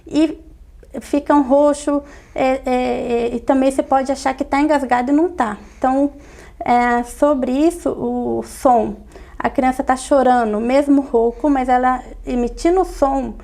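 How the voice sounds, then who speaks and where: High-voiced woman pediatrician explaining. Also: measured pace, vocal fry. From Brazil. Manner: calm, instructive, repeats key points. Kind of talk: interview explanation.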